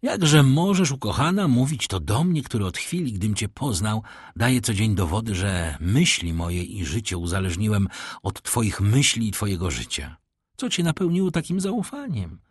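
A man's voice: lowish voice, slightly rough, no room sound, studio quality. A man voicing a devoted young man in love, reading his lines from a novel in a fervent, pleading way. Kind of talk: audiobook reading.

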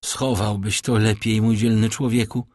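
A man's voice: fairly low pitch, level tone, normal speed, darkish tone, dry recording, clean studio sound, close to an everyday voice. A man reading an audiobook, voicing a cornered young criminal who talks in a wheedling, pleading way. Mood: smug.

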